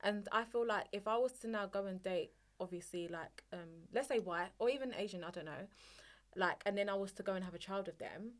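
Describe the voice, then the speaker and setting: A woman's voice: medium pitch, brisk. A woman with an Essex-like London accent, chatting casually as a co-host in informal, slangy speech and often checking she's understood. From London, England. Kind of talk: casual chat.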